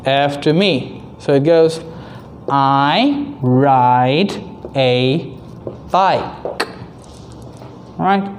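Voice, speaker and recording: Very slow, deliberate children's phonics teacher. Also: medium pitch, dark tone, slight background noise. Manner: sounds out words and sentences very deliberately. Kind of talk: slow lesson for young children, modelling words to repeat.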